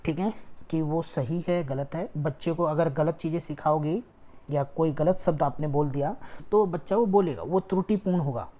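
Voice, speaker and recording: Speaking at a moderate pace in a low, mellow voice, a woman delivers an online exam-prep lecture. Her explanations proceed step by step, with key words repeated for emphasis and frequent "ठीक है" checks.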